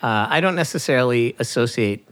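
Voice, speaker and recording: A man's voice: medium pitch, expressive, brisk, fairly bright tone. Wry middle-aged male podcast host. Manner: wry, joking, asks long rambling questions. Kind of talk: casual podcast interview.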